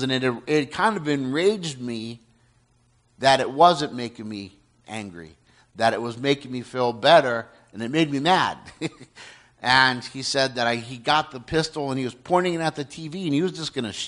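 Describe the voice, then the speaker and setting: A man earnestly retelling someone's life story in casual speech, halting with frequent restarts. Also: medium pitch, fairly bright tone. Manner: earnest, halting, many restarts and "you know".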